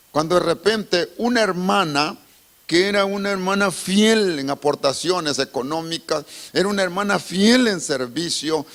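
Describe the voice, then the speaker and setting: A male pastor preaching a sermon in church, telling a story with strong emotion and swinging between hushed and raised delivery. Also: sits high.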